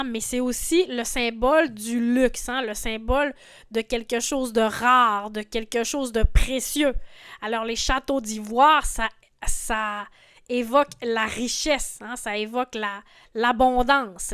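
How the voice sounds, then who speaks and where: A woman's voice: fairly high pitch, takes it slowly, fairly bright tone, clean tone, no echo, clean studio sound. A woman in her forties, a French teacher patiently explaining song lyrics and grammar, often checking in with "hein". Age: 40s. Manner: patient, didactic, frequent "hein" fillers.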